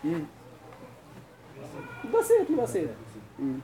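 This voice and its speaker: A woman with a Moroccan accent teaching a classical grammar lesson, reciting verses slowly and then explaining them and quizzing her students. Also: fairly low pitch, huge pitch swings, dark tone. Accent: Moroccan Arabic. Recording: roomy echo with faint ambience.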